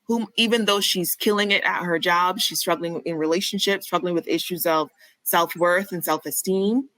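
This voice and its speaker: A woman from Barbados speaks as a physician guest on a podcast. Her voice is lowish but bright, and she explains things clearly and candidly. The recording is dry and close. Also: normal speed, no room sound, low-quality recording. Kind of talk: conversational podcast interview.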